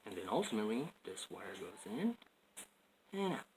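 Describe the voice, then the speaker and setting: A man's voice: fairly low pitch, sing-song, moderate pace, darkish tone. A man casually explaining a DIY wiring fix, rambling and joking at himself, in a noisy home recording. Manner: rambling, self-mocking, jokey. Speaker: DIY video maker.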